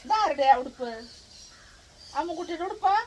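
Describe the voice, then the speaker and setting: A woman's voice: very high-pitched, expressive, a little fast. A woman cooing sing-song questions at a pet in baby talk at home.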